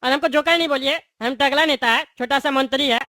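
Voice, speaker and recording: A woman's voice: high-pitched, brisk, pushed and bright, dry recording, studio quality. A woman voicing a bald, cowardly, boastful male politician who blusters and then grovels. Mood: grovelling. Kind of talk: cartoon voice acting.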